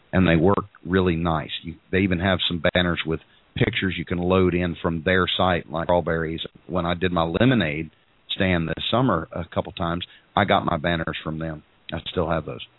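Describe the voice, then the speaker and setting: Low-voiced and congested, this middle-aged podcast host sounds froggy while meandering through casual announcements, full of ums and false starts. There is no echo, though the audio has a tinny, phone-like quality.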